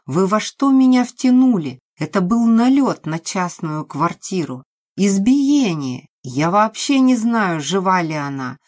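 A woman's voice: fairly low pitch, expressive, a little slow, hardly any pauses, husky. A woman voicing an enraged crude man. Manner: shouting, cursing, agitated. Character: angry frightened middle-aged man, crude accomplice.

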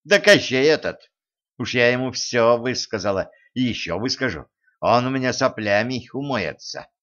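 A man's voice: medium pitch, lively intonation, moderate pace, a bit bright, dull audio, close to an everyday voice. A man reading an audiobook, voicing a haughty, spoiled young tsarevna who talks in a brash, mocking, folksy way. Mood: boastful.

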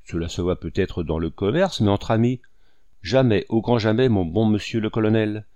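A man's voice: on the low side, normal speed, warm tone, dry recording, highs cut off, close to an everyday voice. A man voicing a sly, miserly old man who pleads and protests, in an audiobook reading. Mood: protesting. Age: older.

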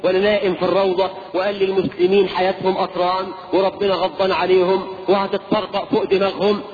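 A high-voiced man with an Egyptian Arabic accent delivering a lively colloquial sermon. He keeps putting rhetorical questions to the audience and answering them himself. The recording sounds tinny, like a phone line, with a long hall reverb and faint hiss behind it. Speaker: preacher.

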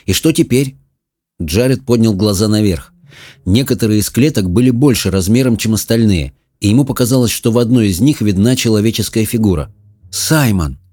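Low mellow guy reading an audiobook, steady, dry close sound. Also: fairly quick, dry recording. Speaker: narrator. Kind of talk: audiobook narration.

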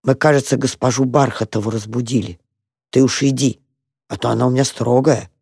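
A reader voicing an old gentleman mole, pompous yet kindly and easily moved to tears, in a storybook reading. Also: medium pitch, steady tone, brisk, vocal fry, slightly rough, no echo, studio quality, pitched below the performer's own voice. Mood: hushed.

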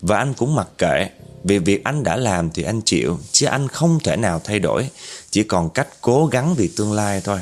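Brief: lower-voiced Southern Vietnamese man, conversational storyteller, talks straight to the audience. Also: sing-song, moderate pace. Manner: conversational, addresses listeners directly. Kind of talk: spoken true-story narration.

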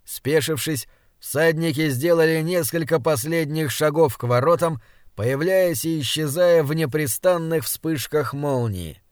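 A man narrating a fantasy audiobook in a steady, dramatic manner. His voice sits a little high for a man. He is recorded close on a studio mic with a dry sound. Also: a little slow, dry recording. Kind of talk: scripted narration.

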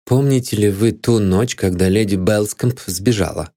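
A steady male detective who questions calmly and turns stern when needed, as the narrator reads him. His voice stays near the narrator's own and sounds level and deliberate. The recording is close and dry. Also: on the low side, dry recording, close to an everyday voice. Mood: measured. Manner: calm and measured.

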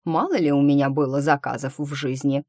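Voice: mid-range voice, fairly even intonation, brisk, darkish tone, no echo, clean studio sound, close to an everyday voice. Чтец изображает старого мага-наставника, сдержанного и немного насмешливого, в аудиокниге. Он размеренно и ровно рассказывает о случившемся. Голос звучит сухо и близко, почти без отзвука комнаты. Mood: recounting. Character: old male magic master, wry and guarded. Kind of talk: audiobook character reading.

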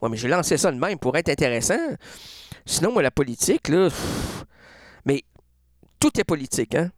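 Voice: mid-range voice, moderate pace, no room sound, voice pushed down, lightly acted. A performer voicing a dry, pedantic male radio host in a comedic sketch. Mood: deadpan. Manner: deadpan, flat, nitpicking.

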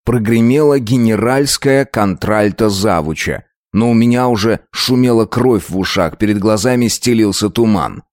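A man narrating a first-person story in a measured, dramatic reading. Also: lowish voice, darkish tone, dry recording, studio quality.

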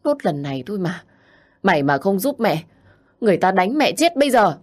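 A woman's voice: deep voice, normal speed, darkish tone. A woman voicing a desperate middle-aged mother in debt, who pleads with her daughter in a tearful voice. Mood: begging.

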